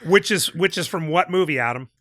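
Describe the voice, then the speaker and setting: Woman co-host, low pitch, bright tone, swooping lively voice, teasing and giggly. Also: brisk. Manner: teasing, giggly, sarcastic asides. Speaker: podcast co-host. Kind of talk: casual chat.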